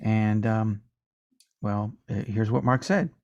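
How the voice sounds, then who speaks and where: A man co-hosts a casual music podcast, joking around and reading listener comments out loud. His voice is fairly low and darkish, and he speaks slowly. The sound is lo-fi.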